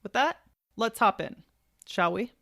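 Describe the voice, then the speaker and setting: A woman's voice: mid-range voice, lively intonation, unhurried, vocal fry, a bit bright, dry recording, studio quality. A woman hosting a podcast in an informal, emphatic conversational way. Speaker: podcast host.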